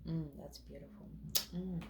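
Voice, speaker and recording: Background noise accompanies a woman speaking in a low, steady voice with vocal fry. She's a tarot reader giving a casual, spiritual reading, affirming and chatty, with casual swearing, drawn-out words, and a murmured "mm" between each card's meaning.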